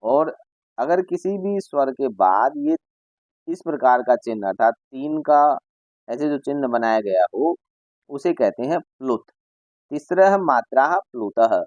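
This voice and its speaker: A man's voice: mid-range voice, animated, measured pace, darkish tone, dry recording, highs cut off. A male Sanskrit teacher explaining a school lesson to children. He reads Sanskrit lines, then explains each one in Hindi, and imitates bird calls as examples.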